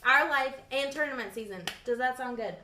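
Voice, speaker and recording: A woman's voice: high voice, a little fast, sharp tone, slight background noise. Playful young woman interviewing, roomy sound. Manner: playful, teasing. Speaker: interviewer and channel host. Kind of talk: casual chat.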